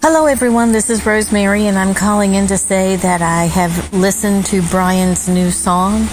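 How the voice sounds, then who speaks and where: A woman calling in to a show with a message, tearful and emotional, speaking haltingly. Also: mid-range voice, steady tone, soft background music. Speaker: caller to a radio show. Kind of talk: phoned-in message.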